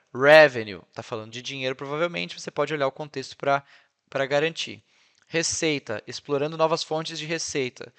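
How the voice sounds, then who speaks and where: Brazilian man, a touch high-pitched, Brazilian Portuguese accent; relaxed teacher voice-over, chatty with constant tag questions. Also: clear, resonant tone. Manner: chatty, peppered with "né?" and "ó". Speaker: English teacher. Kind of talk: casual screen-share tutorial.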